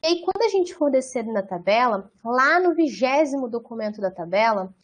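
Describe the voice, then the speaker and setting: A woman's voice: a little high, sing-song, moderate pace, husky, muffled recording. A Brazilian woman giving an online training session, explaining things step by step and often checking in with her listeners. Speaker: product trainer.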